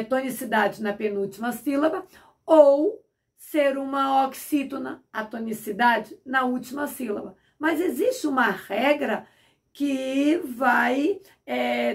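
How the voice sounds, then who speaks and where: Woman teacher, high voice, far from the mic. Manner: asks and answers her own questions, repeats examples slowly. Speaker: Portuguese teacher. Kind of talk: explanatory grammar lesson.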